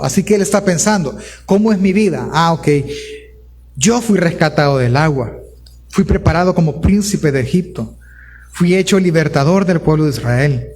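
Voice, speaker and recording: Male pastor, Salvadoran accent, high voice, animated sermon delivery that addresses the congregation directly. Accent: Salvadoran Spanish. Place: church service before a congregation.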